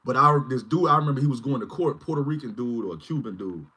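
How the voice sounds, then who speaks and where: A man's voice: mid-range voice, lively intonation, fast talker, pushed and bright, husky. A man in his forties hosting a casual livestream, rambling and often asking "you know what I mean". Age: 40s. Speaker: channel host.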